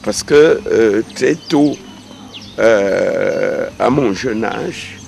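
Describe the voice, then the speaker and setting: Older Cameroonian actor as interview guest, gravelly, low, slow hesitant delivery, faint outdoor noise. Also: male voice, expressive, darkish tone. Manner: slow, thoughtful, with many hesitations. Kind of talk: casual interview conversation. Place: outdoors at a rural home.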